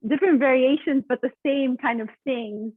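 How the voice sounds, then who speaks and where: A woman's voice: high-pitched, normal speed, no room sound. A woman hosting a casual interview over a video call, encouraging her guest with frequent "yeah"s and "like"s. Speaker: host. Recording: dry, phone-like video-call audio.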